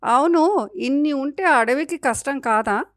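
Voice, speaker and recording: A woman's voice: high voice, measured pace, no echo, clean studio sound, voice pushed up. A woman voicing an innocent, curious little baby monkey in a storybook tale, asking wondering questions.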